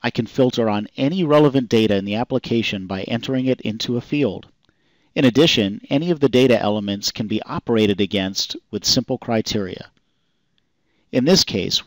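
A man calmly reading a scripted software demonstration voice-over in an even, explanatory way. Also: medium pitch, no echo. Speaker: software demo narrator. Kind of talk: scripted product demo narration.

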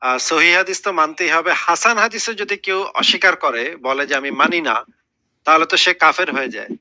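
A man moderating a live online religious debate, pressing speakers for clear answers and often restarting words. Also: fairly high pitch, moderate pace, pushed and bright, no echo, low-quality recording.

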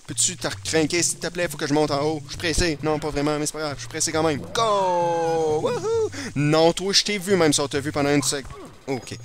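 Casting: Québécois man in his let's play, somewhat high voice, jittery nonstop chatter. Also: fairly even intonation. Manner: hyper, rambling, talks nonstop and fast. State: slightly irritated throat. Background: video game music.

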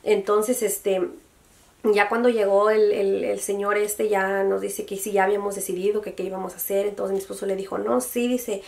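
A woman's voice: medium pitch, moderate pace, vocal fry. A young woman, telling a personal story in a casual, emotional vlog and acting out what others said. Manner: emotional, animated retelling that quotes other people. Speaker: beauty vlogger. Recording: voice a bit far from the mic.

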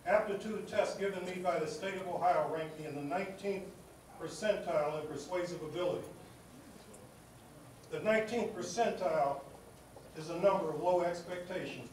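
A man with a high-pitched voice delivers a commencement address in a large hall. He speaks in a rhythmic, oratorical way, stacking repeated phrases. The recording has a heavy echo. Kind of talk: commencement speech. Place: large hall at a graduation ceremony. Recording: echoey hall recording from far off with noise.

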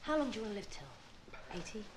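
A woman's voice: mid-range voice, lively intonation, fast talker, background noise, close to an everyday voice. An actress playing a teasing woman. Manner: teasing, swings to shrieks when panicked. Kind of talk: film acting.

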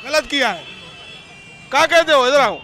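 A man's voice: extremely high pitch, animated, normal speed, pushed and bright. A man reporting out on a city street, firing pointed, leading questions at passersby. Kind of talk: vox-pop street interview.

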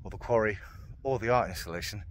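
A man's voice: lowish voice, fast, a little hiss or hum. A man, a touring musician, talking casually to a handheld camera while out walking, chatty and self-mocking. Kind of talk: casual travel vlog chat. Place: outdoors on walks and sightseeing.

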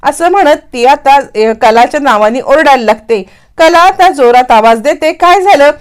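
A woman with a high-pitched voice, speaking at normal speed, casually recaps an episode of a TV serial. She tells it in a lively way, acting out the characters' lines as quoted speech along the way.

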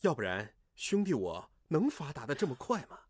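A husky, sly fake brother. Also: male voice, a little high, sing-song, normal speed, dry recording, clean studio sound. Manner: smooth-talking storyteller. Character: sly young man posing as a rich long-lost brother. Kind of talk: comic period TV drama acting. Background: drama score music.

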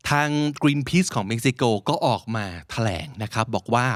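A man hosting a podcast, explaining English vocabulary from news headlines in a lively, playful way. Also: mid-range voice, normal speed, dry recording, studio quality. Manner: lively, slips into playful put-on quotes.

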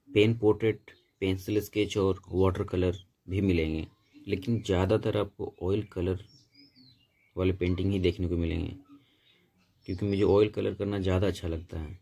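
A man's voice: deep voice, steady tone, moderate pace, creaky, long pauses, a little mellow. A man giving a painting tutorial in a voice-over, explaining each step patiently and steadily. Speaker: painting instructor.

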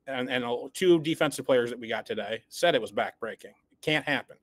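Breaking down a loss on the sports podcast he co-hosts, a man with a mid-range voice speaks briskly, giving blunt, emphatic opinions and often repeating words as he warms up. The recording is close and dry, with no room sound around it.

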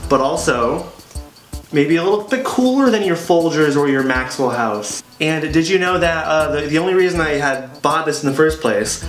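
A young man co-hosting a casual comedic chat at home, rambling with playful deadpan banter. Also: fairly high pitch, normal speed, echoey room, faint music behind. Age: young adult. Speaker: co-host. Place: home kitchen, indoors.

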